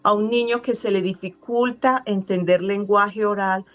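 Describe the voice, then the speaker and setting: A middle-aged woman speaking as an interview guest, earnest and reflective, pausing and restarting as she thinks. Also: mid-range voice, steady tone, muffled recording, faint music behind. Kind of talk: conversational interview.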